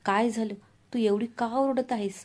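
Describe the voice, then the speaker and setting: A woman voicing a shaken middle-aged father who speaks haltingly in a storybook reading. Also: on the high side, steady tone, a little mellow, close to an everyday voice.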